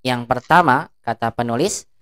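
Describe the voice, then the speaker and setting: A woman with a low, smooth, clear voice teaches an Arabic class. She stretches the long vowels as she drills each word. She stops often to ask the class if they follow. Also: normal speed, fairly bright tone. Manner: asks the class check questions.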